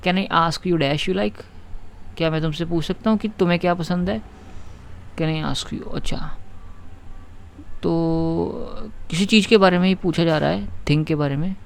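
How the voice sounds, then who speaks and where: Guy teaching grammar online, kinda high voice with lots of fry, takes it slow and reads each example out. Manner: explains step by step, reads example sentences slowly.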